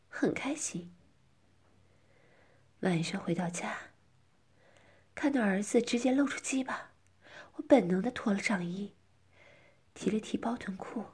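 A woman's voice: mid-range voice, a little mellow, husky. A middle-aged woman narrating a first-person story as whispered role-play, coy and often dropping into a whisper.

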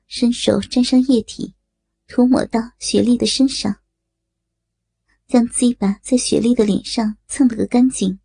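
A woman narrating an erotic audio story in a slow, breathy storytelling manner. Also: a little high, warm tone, dry recording.

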